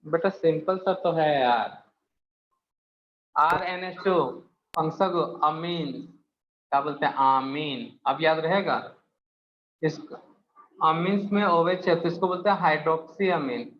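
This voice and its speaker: A man's voice: on the high side, measured pace, long pauses. Echoey chemistry teacher quizzing his class. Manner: quizzes students, calls them beta. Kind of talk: classroom lecture. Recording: echoey room, muffled, faint hiss.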